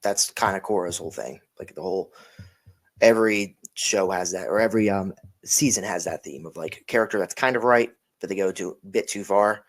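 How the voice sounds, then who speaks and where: A man's voice: low voice, brisk. A tired man co-hosting a casual podcast chat, rambling and correcting himself as he goes. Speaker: podcast co-host.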